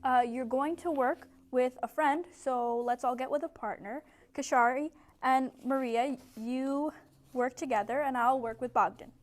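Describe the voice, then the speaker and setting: A young woman tutoring a small group of adult English learners in a classroom, giving clear, encouraging instructions. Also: sits high, steady tone, a little slow. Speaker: ESL tutor. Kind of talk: teaching a small group lesson.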